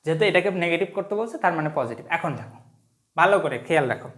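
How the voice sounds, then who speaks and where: Woman teacher spelling out grammar slowly. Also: fairly low pitch, lively intonation, fairly bright tone. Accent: Bangladeshi Bengali. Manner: explains step by step, asking students quick check questions; drags out English example sentences slowly, word by word. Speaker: English teacher. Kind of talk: online grammar lesson.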